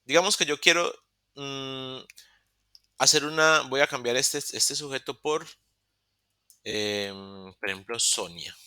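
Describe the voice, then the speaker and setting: Bright-voiced male teacher, patient and explanatory. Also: medium pitch, slow, pauses often, smooth, no room sound. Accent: Latin American Spanish. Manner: patient, explaining step by step with frequent "ok?" checks; self-correcting, restarts mid-word. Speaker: English teacher. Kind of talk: online beginner English class. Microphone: computer mic in a virtual session.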